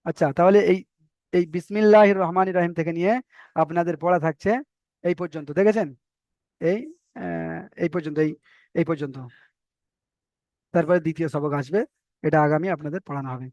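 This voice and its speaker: Man, Indian Bengali accent, online Quran reading teacher, high smooth voice, patient and repetitive, dry slightly dull recording. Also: fairly even intonation, a little mellow, no echo. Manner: patient, repeats letters slowly with drawn-out vowels. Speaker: Arabic alphabet teacher.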